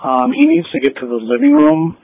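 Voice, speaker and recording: A man at a facility calls a coworker over a two-way radio. His speech is halting and full of "um" fillers. The line is thin and tinny, with a dry sound and no room echo. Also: very high voice, wildly swooping pitch, gravelly, slightly rough. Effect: two-way radio transmission. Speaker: facility staff member calling a coworker. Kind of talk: work radio call.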